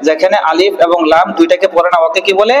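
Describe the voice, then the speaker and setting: A man teaching Quran reading online, spelling syllables slowly and answering his own questions. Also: high voice, fairly even intonation, echoey room, in a large hall, highs cut off. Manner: stretches out recited words in a slow chant.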